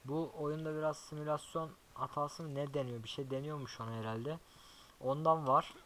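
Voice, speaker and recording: A young man giving casual gameplay commentary as a YouTuber, chatty and swearing often, talking softly to his horse now and then. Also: fairly high pitch, steady tone, normal speed, slight background noise, poor audio. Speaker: gaming YouTuber.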